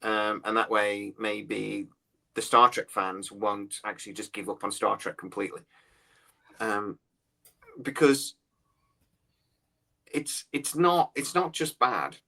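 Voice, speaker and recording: A man's voice: lowish voice, slow pace, vocal fry, long pauses, bright, forceful tone. Blunt man in his forties. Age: 40s. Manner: blunt and scornful, often repeats words and restarts. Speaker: podcast co-host. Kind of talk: casual opinionated chat.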